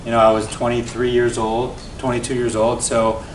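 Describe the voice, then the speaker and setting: Speaking at a moderate pace, this guest speaker, a venture investor in his forties, recounts his founder journey to a crowd at an event. His style is lively and conversational, often punctuated by "right?". The roomy, far-off mic picks up a faint rumble.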